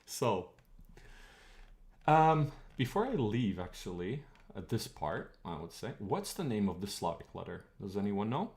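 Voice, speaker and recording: Low gravelly man explaining linguistics. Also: big pitch swings, unhurried, a little mellow. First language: Croatian. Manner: chatty, digressive, thinking aloud with fillers. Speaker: streamer teaching linguistics. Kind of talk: casual live-stream lecture.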